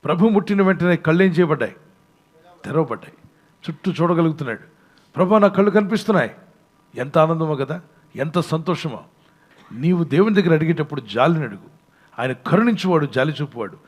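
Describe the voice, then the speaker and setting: A pastor preaching a sermon and leading prayer, swinging between soft and emphatic passages. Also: male voice, a little high, a little fast.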